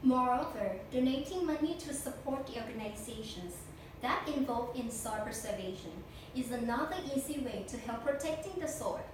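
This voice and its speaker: A young woman recites a memorized speech for a competition, stiff and deliberate. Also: fairly high pitch, lively intonation. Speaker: speech contestant. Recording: echo-heavy room, distant mic, noisy.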